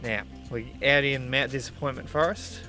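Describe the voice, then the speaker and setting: A man's voice: mid-range voice, steady tone, normal speed, bright, forceful tone, faint music behind. A young Australian man presenting a vlog casually outdoors. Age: young adult. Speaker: presenter interviewing a friend. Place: outdoors on a forest track.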